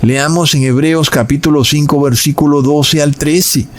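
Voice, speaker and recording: A man preaching in a sermon-style Bible lesson, addressing his listeners as brothers and slowing down on key words for emphasis. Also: on the high side, fairly even intonation.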